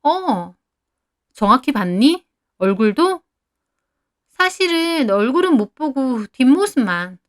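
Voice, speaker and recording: A woman's voice: high voice, big pitch swings, slow pace, pauses often, voice pushed up, heavily acted. A woman reading a story aloud who voices a jealous, sarcastic female friend in her twenties or thirties, prying into someone's marriage.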